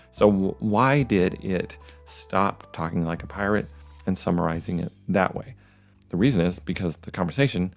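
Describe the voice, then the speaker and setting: Low, gravelly man explaining software. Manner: plain, explanatory, with frequent "uh" fillers. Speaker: software tutorial presenter. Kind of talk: screen-recorded tech tutorial.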